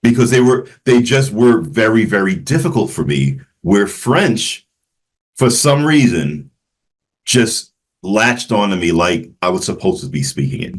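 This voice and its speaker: A man's voice: on the low side, sing-song. A man from Memphis, a jazz flutist talking reflectively as an interview guest, often restarting his sentences. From Memphis, Tennessee. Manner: reflective, halting with frequent restarts. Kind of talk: casual interview conversation.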